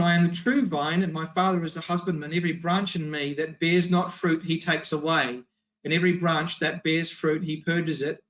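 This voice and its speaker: A man's voice: a little high, a bit bright. A man delivers a Bible study in a slightly raised register. His delivery is emphatic, built on rhetorical questions and firm answers. The recording sounds dull and lo-fi.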